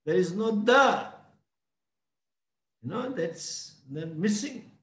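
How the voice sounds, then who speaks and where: A man with an Indian English accent teaching a scripture class, explaining slowly and often chuckling. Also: high voice, expressive, a bit bright, echoey room. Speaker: spiritual teacher.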